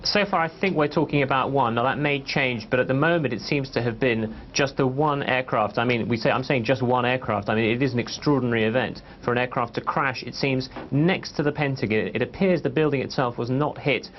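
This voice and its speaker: A man reports in a measured, cautious way over a dull lo-fi broadcast line. His voice sits at a mid pitch, with faint noise under it. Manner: measured, cautious, correcting himself. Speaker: correspondent.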